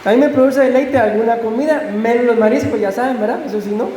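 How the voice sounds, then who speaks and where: Fervent pastor preaching. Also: male voice, extremely high pitch, quick pace, mellow, slight background noise. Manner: fervent, addresses congregation with questions. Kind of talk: sermon. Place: church sanctuary. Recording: echoey church hall with faint ambience.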